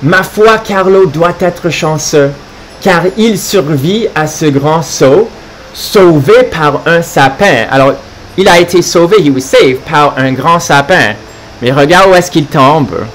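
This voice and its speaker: A man's voice: on the high side, takes it slowly, fairly bright tone, slight background noise. A man teaching French to children, reading a holiday storybook aloud live and stopping to explain words in English.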